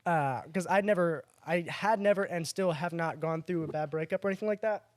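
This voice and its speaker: A young man, co-hosting a podcast and telling a story in an animated, swearing way. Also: on the high side, brisk, no room sound. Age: young adult. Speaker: podcast co-host. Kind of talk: casual storytelling chat.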